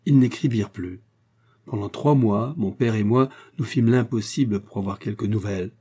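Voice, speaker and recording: A man's voice: fairly low pitch, moderate pace, dark tone, husky. A man voicing a fierce young Spanish woman, a vengeful guerrilla fighter, speaking with burning hatred in an audiobook. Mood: grieving. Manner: burning, hateful, hissing delivery. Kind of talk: audiobook character voice.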